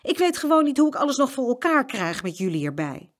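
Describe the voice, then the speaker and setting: A rushed and stern mother in a children's storybook, her voice pitched up and firm, done by a woman. She gives orders in a hurried, insistent way. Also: very animated. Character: harried mother of twins, strict and rushed.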